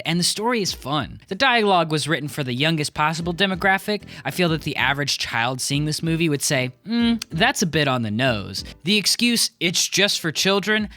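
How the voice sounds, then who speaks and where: A young man with a fairly high, sharp-toned voice hosts a video essay. His scripted commentary is wry and casual, sprinkled with fillers.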